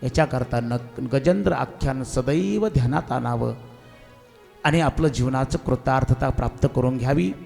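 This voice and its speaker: A man's voice: medium pitch, normal speed, creaky, a little mellow, faint music behind. A man giving a devotional sermon as a preacher, earnestly exhorting his listeners while telling a sacred story. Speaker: kirtan preacher.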